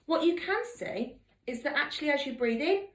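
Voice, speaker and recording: A woman's voice: sits high, expressive, a little fast, a bit bright. Upbeat young woman teaching drama. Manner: upbeat, encouraging, explains step by step. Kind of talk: online drama lesson.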